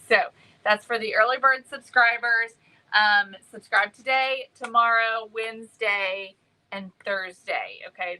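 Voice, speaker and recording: A woman hosting a casual craft livestream, greeting viewers by name and filling pauses with many ums. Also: mid-range voice, pushed and bright, poor audio.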